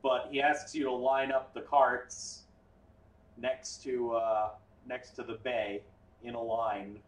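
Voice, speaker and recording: A man narrating as game master in a relaxed, offhand way, full of "like" and "um". He sits well back from the mic in an echoey room. His pitch is middling. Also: takes it slowly, distant mic. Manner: casual, explanatory, with fillers.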